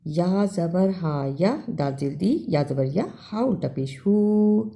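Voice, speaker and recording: A woman teaching Quran recitation rules. She spells out letters and vowel marks slowly, then explains them quickly. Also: fairly low pitch, expressive, warm tone. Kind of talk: tajweed lesson with slow recitation.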